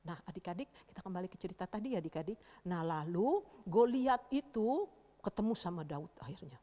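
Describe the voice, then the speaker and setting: Animated woman telling children's Bible stories. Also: on the low side, fairly quick, big-room sound. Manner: lively, exaggerated voices for story characters, addresses children directly. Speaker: Sunday school teacher.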